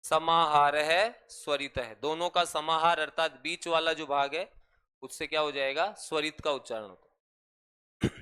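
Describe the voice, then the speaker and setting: A man with a Rajasthani Hindi accent teaching a class, slowly dictating notes and repeating each phrase for students to write down. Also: a little high, steady tone, pushed and bright, smooth. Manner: slow, repetitive dictation.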